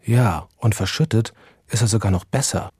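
A man's voice: on the low side, normal speed, darkish tone, husky, dry recording, studio quality. A man voicing a shy, nervous young man in a storybook reading, speaking hesitantly and flustered.

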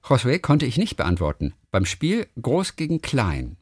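Animated man reading out listener mail. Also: medium pitch, a little slow, husky, dry recording, studio quality. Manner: lively, animated storytelling with many restarts. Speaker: podcast host.

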